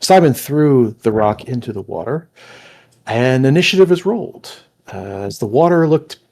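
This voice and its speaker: Gravelly man running a tabletop game. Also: medium pitch. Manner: lively, halting narration with many fillers. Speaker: game master.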